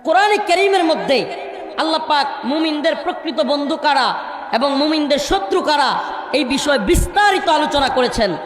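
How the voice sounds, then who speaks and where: A man preaching a sermon from a crowded stage, pleading with and scolding the crowd to stay quiet, sometimes slipping into slow chanted recitation of scripture. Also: extremely high pitch, expressive. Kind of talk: sermon at a crowded religious gathering. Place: crowded stage at a large outdoor gathering. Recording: echoing reverb over a murmuring crowd.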